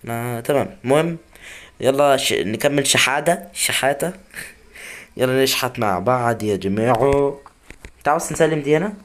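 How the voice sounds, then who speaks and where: A man's voice: medium pitch, moderate pace. A young man with an Egyptian Arabic accent, chatting casually to himself and his viewers as he plays. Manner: chatty, talks to himself and viewers while playing. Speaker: gaming YouTuber. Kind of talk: casual gameplay commentary.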